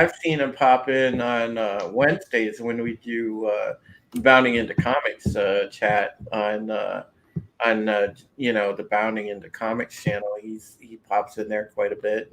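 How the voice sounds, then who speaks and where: A man talking casually and warmly on an online panel, rambling with lots of fillers. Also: on the low side, steady tone, measured pace. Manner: friendly, rambling with many you-knows. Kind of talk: casual chat.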